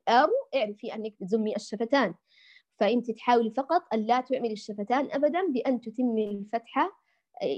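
This woman's voice is slightly high with a dark tone, and the highs are cut off. She teaches Quran recitation in a recorded lesson, patiently demonstrating sounds and fondly calling her listeners "dears."

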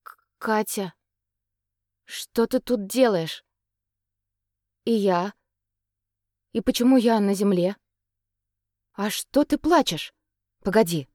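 A gentle young prince, dazed and quietly confused, speaks in a soft, halting voice, as a woman reads him aloud. The sound is dry and close, with no room around it. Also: mid-range voice, animated, no room sound. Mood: bewildered.

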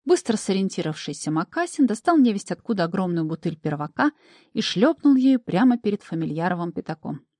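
A woman narrating a first-person audiobook in a lively, wry storytelling manner. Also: medium pitch, fairly quick, no echo, clean studio sound.

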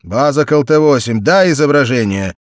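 A man performs a brisk base radio operator, calling out clipped callsigns insistently in a lightly acted style. His mid-range voice has lively intonation and is pitched above his natural one. The studio sound is clean, with no room sound.

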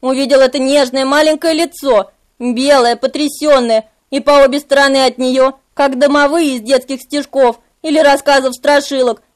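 A woman narrating a novel in the first person. Her voice is high and her reading is dramatic and vivid, with scripted, steady storytelling. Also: moderate pace, hardly any pauses. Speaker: audiobook narrator.

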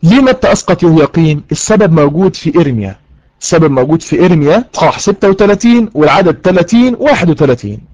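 A high-voiced man with an Egyptian accent teaches an interactive online class. He reads verses slowly and keeps asking his students questions. The sound is dry and slightly muffled. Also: expressive, darkish tone, no echo. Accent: Egyptian Arabic. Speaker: religious course teacher.

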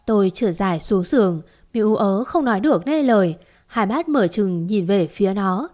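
A woman's voice: mid-range voice, animated, moderate pace, darkish tone. A woman telling a first-person horror story in a dramatic, tense way.

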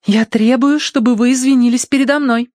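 Man doing a shrill haughty young lady. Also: steady tone, a little fast, darkish tone, no room sound, clean studio sound. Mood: imperious. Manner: shrill, commanding, indignant.

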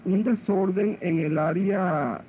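A man with a Venezuelan accent, a hospital director interviewed on AM radio, halting and repeating words as he searches for them. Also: high-pitched. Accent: Venezuelan Spanish. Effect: AM radio broadcast sound. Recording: muffled AM radio with faint hiss.

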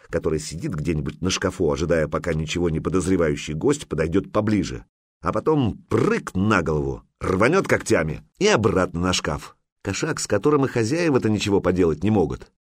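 A man narrating an adventure audiobook in an expressive, storytelling manner. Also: sits low, a little fast, no room sound, clean studio sound.

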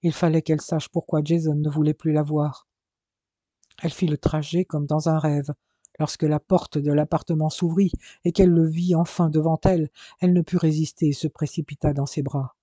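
A man narrating a novel in a measured, dramatic storytelling manner. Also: on the high side, level tone, mellow, no room sound. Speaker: audiobook narrator. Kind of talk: scripted narration of a romance novel.

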